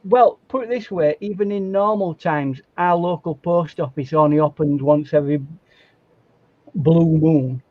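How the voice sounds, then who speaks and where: A man's voice: fairly high pitch, measured pace, no echo, narrow, tinny audio. Jokey stammering Englishman on a stream. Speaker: guest artist. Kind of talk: casual chat on a live stream.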